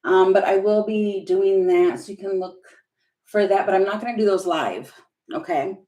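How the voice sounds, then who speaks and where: A woman's voice: medium pitch, moderate pace, dark tone, echoey room, dull audio. A woman who reads tarot on a live stream, casual and chatty, thinking aloud from home. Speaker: tarot reader. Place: home room with a heater running.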